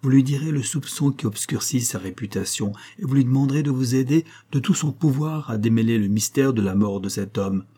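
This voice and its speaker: A man reading a classic novel aloud as scripted narration, steady and lifting his voice for dialogue. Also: mid-range voice, fairly quick, few pauses, breathy edge. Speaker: audiobook reader.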